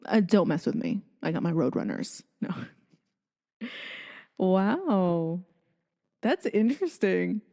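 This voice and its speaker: A woman's voice: on the low side, sing-song, slow, creaky, pauses often, warm tone, big-room sound. A woman hosting a casual solo podcast, chatting and thinking aloud as she reads passages from a book. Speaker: podcast host.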